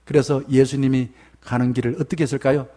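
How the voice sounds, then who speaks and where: A male pastor preaching a sermon in an animated way, acting out the quoted lines. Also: medium pitch, quick pace.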